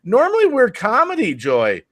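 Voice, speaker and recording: A man's voice: very high voice, huge pitch swings, normal speed. A man co-hosting a live stream in casual, joking chat.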